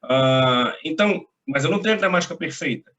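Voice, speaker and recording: A man's voice: on the high side, animated, fairly quick, pushed and bright, lo-fi sound. A young man from Brazil giving a casual video lesson as an English teacher, chatty and reassuring, with slang and frequent tag questions.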